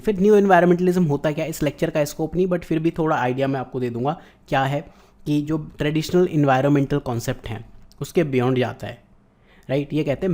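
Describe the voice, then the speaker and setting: A man delivers a recorded exam-prep lecture, slipping English terms into Hindi explanations. His voice sits a little high but sounds dark and mellow. He keeps checking in with "right" as he moves through the points. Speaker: geography teacher.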